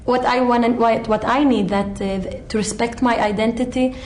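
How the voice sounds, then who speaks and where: A woman answers questions in earnest, halting English. Her voice is mid-pitched and sounds roomy. Faint ambience can be heard behind her. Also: fairly even intonation, darkish tone, slight background noise. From Nazareth. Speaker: interviewee.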